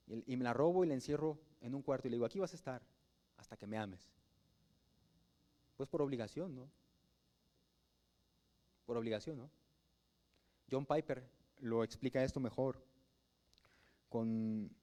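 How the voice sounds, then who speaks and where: A man's voice: medium pitch, mellow. A Mexican man preaching a sermon as pastor, talking in a conversational way and putting rhetorical questions to the congregation.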